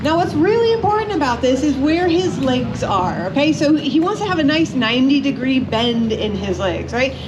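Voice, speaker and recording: High-pitched woman, riding instructor, conversational, live demonstration, clear background noise. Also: expressive, moderate pace, hardly any pauses, dull audio. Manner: conversational, checks in with listeners often.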